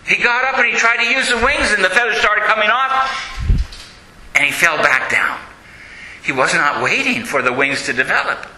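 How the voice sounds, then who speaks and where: A priest tells stories in a sermon, his voice high and sharply bright. His pitch swoops expressively, and the sound carries through a roomy church. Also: moderate pace. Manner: storytelling, lively.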